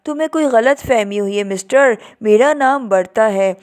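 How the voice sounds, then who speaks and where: A woman voicing a cunning foreign woman posing as a building designer, soft-spoken but insistent. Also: fairly high pitch, lightly acted.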